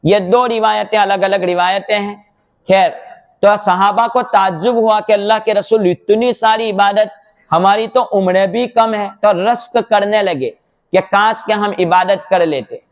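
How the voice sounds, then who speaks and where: A mufti delivering a sermon in a mosque, explaining points step by step with rhetorical questions and quoted sayings. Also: male voice, high-pitched, fairly even intonation, unhurried.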